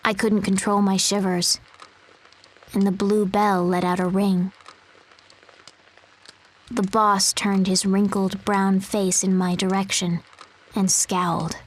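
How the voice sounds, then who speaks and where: A woman voicing a timid little animal who poses as a girl, narrating a game story in a soft, measured way. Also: mid-range voice, level tone, slight background noise, natural voice, poor audio. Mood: wistful.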